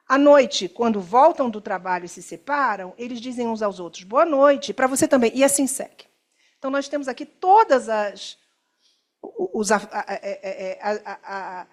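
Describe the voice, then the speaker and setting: A woman's voice: mid-range voice, a little mellow. Woman giving a rambling academic talk. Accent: Brazilian Portuguese. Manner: discursive, many fillers and self-corrections, asks listeners "né?"; slows to stress key terms. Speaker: academic speaker. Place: lecture room.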